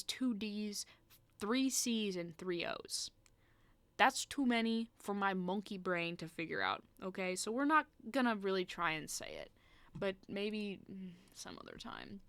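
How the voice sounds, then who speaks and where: A woman's voice: mid-range voice, a bit bright, no room sound. A young woman presenting a casual study video, joking at herself as she stumbles over hard medical words.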